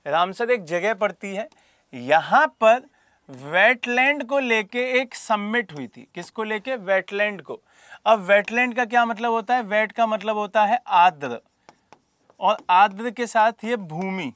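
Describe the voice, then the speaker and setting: A man's voice: high voice, animated, a little slow, a bit bright, no room sound, clean studio sound. A man teaching a geography lesson for exam preparation, asking rhetorical questions and calling on students by name. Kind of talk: classroom lecture for exam prep.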